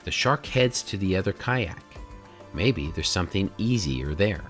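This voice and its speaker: A man in his forties, the channel's host, narrating a documentary voice-over in a measured, explanatory way with rhetorical questions. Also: deep voice, lively intonation, fairly bright tone, soft background music. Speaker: drone videographer and channel host. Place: home studio room, indoors.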